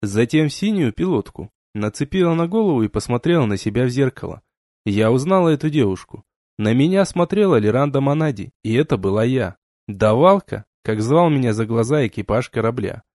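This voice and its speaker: A man reading a first-person novel aloud as an audiobook, with expressive narration. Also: mid-range voice, fairly quick, dry recording, studio quality. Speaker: audiobook reader.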